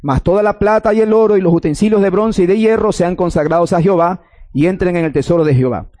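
A pastor preaching a sermon, reading scripture and explaining it in measured phrases with pauses. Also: male voice, high voice, mellow.

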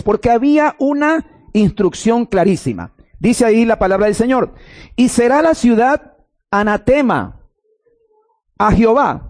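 A pastor preaching a sermon, reading scripture and explaining it in measured phrases with pauses. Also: male voice, high voice, darkish tone.

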